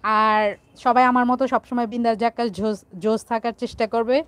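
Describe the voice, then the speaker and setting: A woman's voice: on the high side, level tone, quick pace, dry recording. A playful, teasing woman from Bangladesh hosting a casual live stream and reading out viewer comments.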